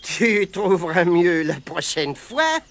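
A woman's voice: fairly low pitch, sing-song, slow pace, no echo, full character voice. A woman voicing a cocky, stubborn young Irish boy who taunts and orders about in a raised voice. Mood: bossy. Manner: bossy and taunting, raises his voice.

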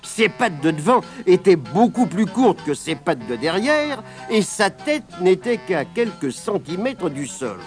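A man reading a children's story aloud in an expressive, animated way. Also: high-pitched, unhurried, few pauses, faint music behind.

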